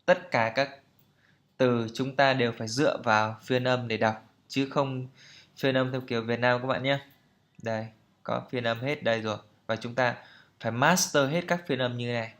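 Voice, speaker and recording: A man teaching pronunciation, explaining patiently and repeating example words slowly for students to copy. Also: mid-range voice, steady tone, a bit bright. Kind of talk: pronunciation lesson.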